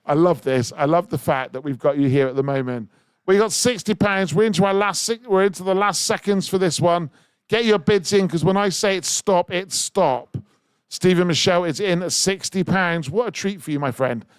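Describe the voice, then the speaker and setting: The clean, high-sitting voice of a man, with no room sound, comes from a radio studio at a normal pace. Hosting a live charity auction, he energetically presses listeners to bid as his excitement builds.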